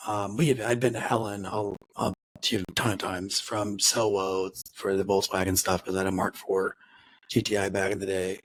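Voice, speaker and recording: Rambling low-voiced podcast co-host man. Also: level tone, moderate pace, a little hiss or hum, rough recording. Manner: rambling, restarts often, acts out quotes. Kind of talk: casual chat.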